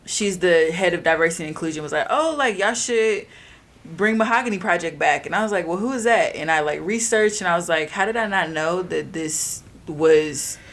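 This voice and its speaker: A woman's voice: fairly low pitch, moderate pace. A young woman from Texas, a guest in a casual interview, speaking expressively with lots of "like" fillers. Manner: chatty, full of "like" fillers, expressive. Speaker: guest, actress and writer.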